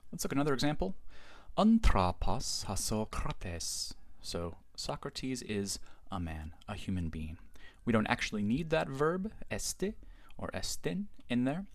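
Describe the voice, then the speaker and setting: A man teaching a recorded grammar lesson in a measured, explanatory way, reading each example form slowly. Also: mid-range voice, big pitch swings, dry recording. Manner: measured, explanatory, reads Greek forms slowly. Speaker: Greek teacher.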